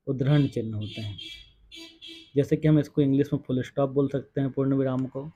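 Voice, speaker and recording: A man's voice: mid-range voice, dark tone. A man teaching a Hindi grammar coaching class, explaining step by step and reading out examples. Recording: dull lo-fi sound.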